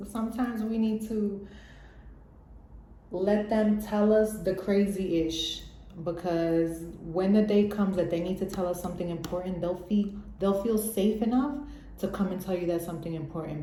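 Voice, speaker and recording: In a casual motivational vlog, a woman speaks as a mother giving life advice, candid and slangy, with frequent laughter. Her voice is fairly low and mellow, recorded with roomy echo and slight hiss or hum.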